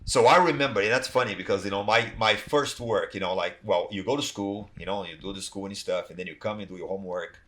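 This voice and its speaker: Speaking fast with few pauses, a middle-aged Brazilian athletic trainer gives a casual podcast interview in English with a Brazilian accent, Portuguese being his native tongue. He rambles and leans heavily on "you know" and "like," his voice fairly low and a bit bright.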